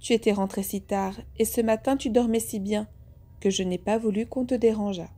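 A woman doing a gentle, tender young daughter. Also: medium pitch, fairly even intonation, normal speed, close to an everyday voice.

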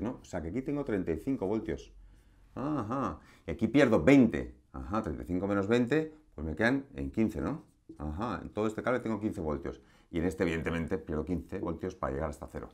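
Man, electronics teacher, chatty and playful, lowish voice, lesson recorded at a board. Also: a little mellow. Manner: chatty, asks rhetorical questions, playful asides.

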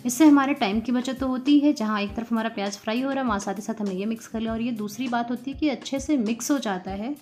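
Woman cooking-show host, fairly high voice, chatty step-by-step voice-over, soft music under it. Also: fast talker, few pauses. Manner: chatty, addresses viewers as friends. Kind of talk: home cooking tutorial voice-over.

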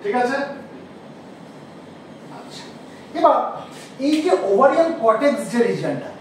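Male teacher, very high voice, quizzing the class, echoey room with faint noise. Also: big pitch swings. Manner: asks the class questions and repeats key terms slowly. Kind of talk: classroom lecture. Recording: echoey room, mic far off.

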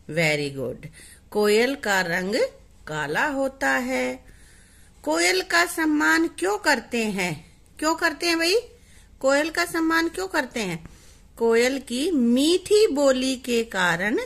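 A young woman teaching a children's Hindi lesson, patiently coaxing and asking questions, then answering them herself. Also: a bit bright. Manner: mimics the cuckoo's call in a high voice.

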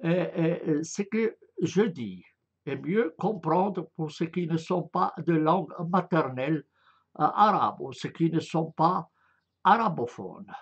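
A man's voice: fairly high pitch, lively intonation, slow pace, slightly rough, lo-fi sound. A man giving an explanatory lecture on a writing system, hesitant and full of filler sounds, spelling out letter sounds one at a time. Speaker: lecturer on Arabic script. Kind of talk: slow explanatory online lecture.

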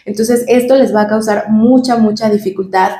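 A speech therapist with a Mexican Spanish accent talks patiently to the camera, explaining and acting out sample syllables. Her voice sits at an ordinary middle pitch for a woman. The room around her gives the sound a noticeable echo. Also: steady tone, normal speed, mellow. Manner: patient, explanatory, demonstrates sounds and word examples.

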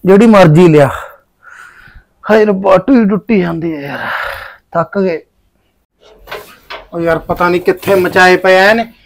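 A man's voice: sits high, measured pace, gravelly, pauses often. A man playing an impatient young farmer husband who talks brusquely and dismissively. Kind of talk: village drama acting.

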